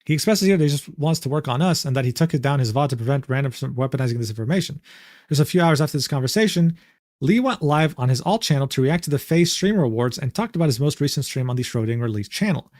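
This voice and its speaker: A man's voice: mid-range voice, expressive, fast talker, darkish tone, dry recording, studio quality. A man giving scripted, matter-of-fact narration for a commentary video.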